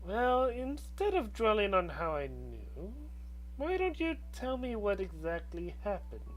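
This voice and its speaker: A woman voicing a wise, knowing old woman in a slow, halting old hag manner, reading video game dialogue aloud. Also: medium pitch, big pitch swings, slight background noise, low-quality recording. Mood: grave, knowing.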